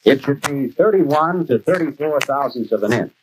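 An American actor playing a brisk garage expert, giving didactic scripted instruction in a 1940s training film. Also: male voice, medium pitch, animated, lightly acted. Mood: instructive. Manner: didactic, clearly explanatory. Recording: noisy 1940s film soundtrack.

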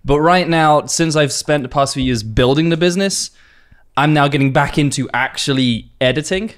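A man's voice: fairly high pitch, moderate pace. Reflective man, late twenties. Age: late 20s. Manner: reflective, swears casually. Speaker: guest video editor. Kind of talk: casual podcast chat.

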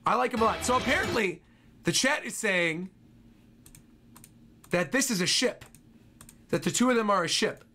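A young adult man streams from a small indoor home room, reacting casually and enthusiastically to game trailers while trailer music plays behind him, often repeating phrases. His high voice is expressive, pushed and bright, at a moderate pace with frequent pauses.

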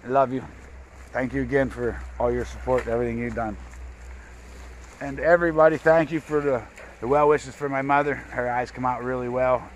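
Talking fairly quickly in a steady, medium-pitched voice, this gold prospecting vlogger chats loosely into an action camera beside a river. His outdoor narration is folksy and rambling, full of repetition, and the low-quality recording carries slight background noise.

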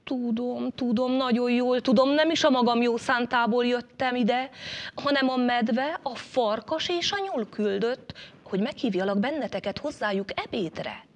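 Storybook crow messenger, wary and soothing, fairly high voice, read by a woman. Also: close to an everyday voice. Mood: placating. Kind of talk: storybook reading.

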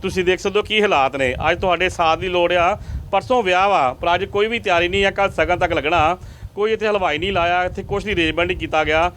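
A man's voice: high-pitched, quick pace, a bit bright. A male field reporter making repetitive, pleading appeals to viewers during a charity interview in a family's rented home.

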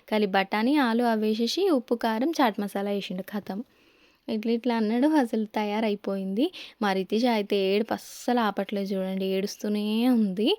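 A woman's voice: a little high, darkish tone, dry recording. A young woman with a Telangana Telugu accent, narrating a family vlog in a chatty, storytelling way. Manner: chatty, storytelling with quoted asides. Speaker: family vlogger.

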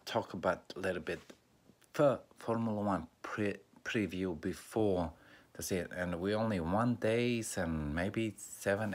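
Albanian-accented man, very deep voice, halting casual vlog talk, lots of fillers. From North Macedonia. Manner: halting, many fillers and restarts. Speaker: YouTuber. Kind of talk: casual race preview monologue.

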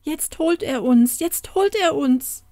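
A woman voicing a frightened young cottager wife who cries out and pleads in a high, loud voice. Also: sing-song, normal speed, no room sound, studio quality. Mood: panicked.

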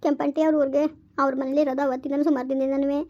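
Tearful aggrieved village girl, played by a woman, very high creaky voice, flat delivery, dull lo-fi sound. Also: fast talker, close to an everyday voice. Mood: complaining. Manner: tearful complaining rustic speech. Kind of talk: village comedy skit acting. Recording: dull lo-fi recording.

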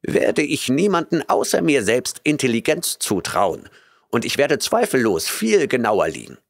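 A man's voice: mid-range voice, sing-song, measured pace, vocal fry, no echo, clean studio sound, pitched above the performer's own voice, full character voice. A man voicing a vain, condescending elderly professor in an audiobook, with a pompous, self-satisfied manner.

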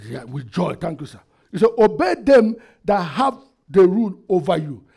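A middle-aged man, preaching a sermon into a headset mic in a church hall, asking the congregation questions and swinging between loud and quiet. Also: high voice, big pitch swings, normal speed, creaky, breathy edge. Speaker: pastor. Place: church hall with projector screen, indoors.

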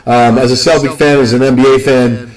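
A young man from the Northeast US hosting a live card-opening stream, rambling and joking with excitement. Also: medium pitch, brisk, low-quality recording. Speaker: card break host.

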